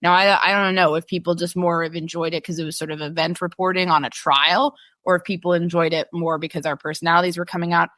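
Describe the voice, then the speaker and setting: Chatty woman podcast co-host, low voice. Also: level tone, fast talker, few pauses, a bit bright, dry recording. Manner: chatty, many restarts and fillers, laughs easily. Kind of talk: casual chat reading patron questions.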